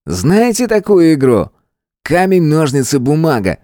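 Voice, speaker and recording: A man reading an audiobook and voicing a callous young male shooter who mocks and threatens his hostages in a raised, deliberate voice. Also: a little high, very animated, dark tone, no echo, studio quality, pitched above the performer's own voice. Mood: mocking. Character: cold menacing young male school shooter.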